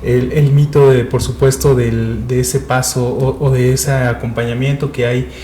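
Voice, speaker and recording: A man's voice: mid-range voice, level tone, normal speed, warm tone. Hesitant Mexican man in echoey room. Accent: Mexican Spanish. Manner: hesitant, many fillers and restarts. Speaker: podcast co-host. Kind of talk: casual panel chat. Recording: echoey room with faint noise.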